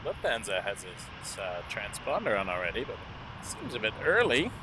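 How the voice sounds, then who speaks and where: A man gives casual running commentary as a stream host. His voice is lowish and lively in pitch, set against strong background noise. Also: moderate pace. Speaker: live plane-spotting stream host. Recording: heavy outdoor or airfield background noise.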